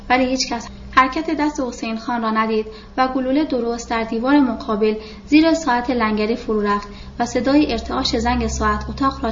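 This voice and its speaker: A woman's voice: fairly high pitch, slight background noise. Woman reading a novel, roomy sound. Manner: steady, measured reading. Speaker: audiobook narrator. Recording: roomy, dull lo-fi recording.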